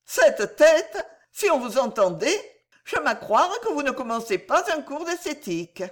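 A woman's voice: sits high, big pitch swings, measured pace, pitched above the performer's own voice. A woman reading aloud and voicing a witty young woman who teases and laughs easily, in a storybook reading. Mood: teasing. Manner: playful, mocking, bright.

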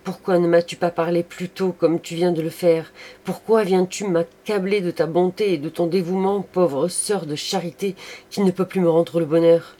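A man's voice: medium pitch, steady tone, unhurried, creaky, pauses often, breathy edge. A man voicing a remorseful, passionate young artist who pleads for forgiveness, raised and impassioned. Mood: pleading. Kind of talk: audiobook reading.

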